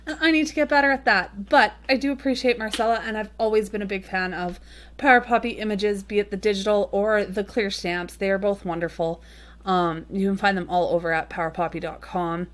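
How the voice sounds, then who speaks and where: A woman talking casually through a watercolor painting tutorial, chatty and rambling with frequent ums and little apologetic asides. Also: mid-range voice. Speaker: watercolor card-making tutorial host.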